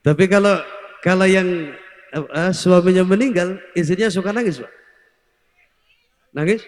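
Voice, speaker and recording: A man's voice: high voice, normal speed. A male preacher giving a comic sermon, joking and teasing the crowd, mixing in Javanese words. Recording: echoey hall, long reverb.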